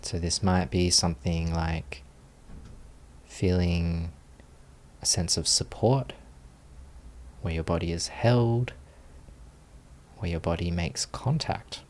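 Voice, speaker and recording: This deep-voiced man acts as a teacher leading a guided meditation. He talks soothingly and calmly, pausing at length between phrases.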